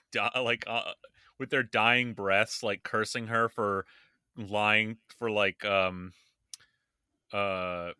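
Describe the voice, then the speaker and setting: A man's voice: on the low side, pushed and bright, clean tone, no echo, studio quality. A man co-hosting a casual political chat podcast, blunt and profane, with a sarcastic edge. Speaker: podcast co-host.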